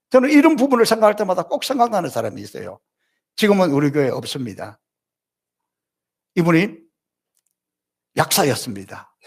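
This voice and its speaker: A middle-aged man, a senior pastor, delivering a Sunday sermon with repeated building phrases and rhetorical questions. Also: fairly high pitch.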